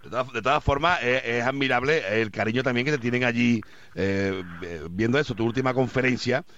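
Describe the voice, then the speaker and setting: Spanish man hosting radio, quick teasing interviewer, muffled lo-fi sound. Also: mid-range voice, a bit bright, slight background noise. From Spain. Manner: teasing, interviewing with halting restarts. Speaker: radio host. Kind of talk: casual radio chat.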